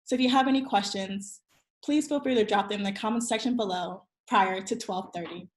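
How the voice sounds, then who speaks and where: This is an American woman in her twenties from Virginia, hosting an interview with earnest, upbeat introductions and questions. Her voice sits in the mid-range and moves fairly quickly, and the recording has a roomy echo.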